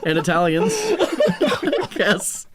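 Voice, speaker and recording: Deadpan male guest, lively pitch swings, clear background noise. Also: drawn-out words. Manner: wry, deadpan jokes, lively delivery. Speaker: Methodist preacher and musician. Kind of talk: casual chat. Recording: noisy studio recording.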